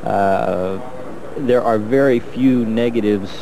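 A man's voice: lowish voice, slow, dark tone, a little hiss or hum, poor audio. A man giving color commentary on a televised bowling match, breaking down each shot in a coaching way. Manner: analytical, coaching-style breakdown of shots.

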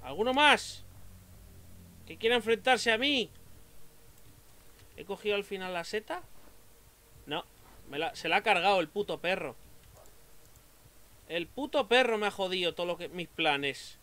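A man with a Spain Spanish accent doing excitable let's-play commentary, muttering to himself and then swearing and shouting at enemies. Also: high voice, unhurried, pauses often. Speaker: gaming youtuber.

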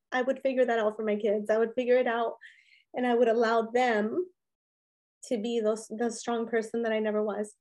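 A business owner appears as an interview guest, sharing her personal story earnestly and candidly. Her voice is fairly high and a little mellow, and she often says "you know."

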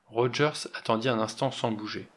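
A man reading an audiobook aloud in a measured, steady voice at a middle pitch. His narration is even and unhurried.

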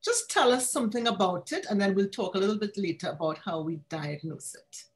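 A woman with a Trinidadian accent hosting a pediatric health talk, chatty and quick to laugh. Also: medium pitch, lively intonation. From Trinidad and Tobago. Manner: warm, chatty, laughs often. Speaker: pediatrician and host. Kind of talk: online health talk interview.

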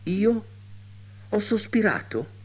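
A man's voice: mid-range voice, wildly swooping pitch, slow, creaky, husky, full character voice. A man voicing a young servant girl who stammers, flustered by questions. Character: flustered giggly young maid.

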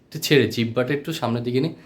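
A man whose first language is Bengali, teaching English letter sounds in a slow spoken lesson, repeating each sound patiently. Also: mid-range voice.

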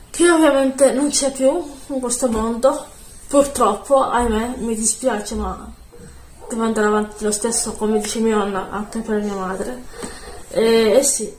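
A woman chatting casually into her phone camera at home, soft-spoken and rambling, often correcting herself. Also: a little high, reverberant, a little hiss or hum. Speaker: beauty vlogger. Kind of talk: casual vlog chat.

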